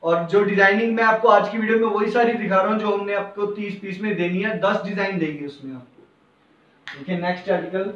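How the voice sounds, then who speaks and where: In a clothing shop with hanging racks, a young adult garment seller showcases his T-shirt stock with eager, repetitive sales talk through a lapel mic. His fairly bright voice sits high, steady and fairly quick, and the audio is roomy, dull, and a bit distant.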